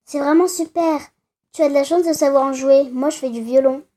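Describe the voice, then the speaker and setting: A friendly young woman from a dating game, read aloud by a woman. The voice sits high and sounds soft and mellow. She keeps the lines plain, with no real character voice. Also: fairly even intonation, a little fast, lightly acted. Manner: reads the on-screen lines plainly.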